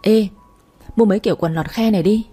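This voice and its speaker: A woman's voice: medium pitch, fairly quick, mellow, slightly rough, soft background music, natural voice. A woman voicing a crude, bossy young woman friend in a storybook reading. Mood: bossy teasing.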